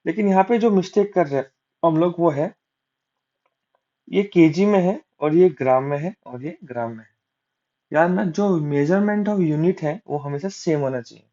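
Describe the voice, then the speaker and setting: A man's voice: on the high side, moderate pace, mellow. A man teaching an exam-prep maths lesson, working sums aloud, asking and answering his own questions, mixing terms in. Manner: works sums aloud step by step, asks and answers himself; mixes English maths terms into Hindi. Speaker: maths tutor. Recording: dull lo-fi recording.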